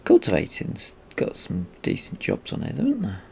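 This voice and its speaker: Gravelly man, low voice, laid-back game commentary; hiss and engine hum behind. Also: moderate pace. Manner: relaxed, thinking aloud. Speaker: gaming channel host. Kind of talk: casual gameplay commentary.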